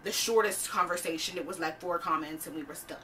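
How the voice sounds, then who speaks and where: A young woman telling a personal story to camera in a lively, conversational, profane way. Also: lowish voice, fast talker, far from the mic, slight background noise. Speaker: vlogger. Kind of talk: storytime vlog.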